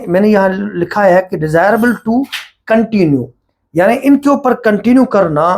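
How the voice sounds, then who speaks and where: A man's voice: high voice, darkish tone. A man from Pakistan with a Pakistani accent, a Quran teacher giving a patient whiteboard lesson and slipping English terms into his explanations.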